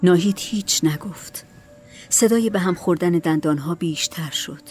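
Casting: calm female storyteller, lowish voice, faint music underneath. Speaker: narrator. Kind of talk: storybook narration.

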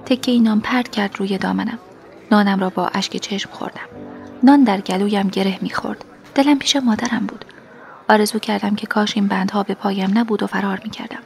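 Soft-spoken woman narrating an audiobook. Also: medium pitch, gravelly, soft background music. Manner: soft, often half-whispered delivery. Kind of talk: first-person audiobook narration.

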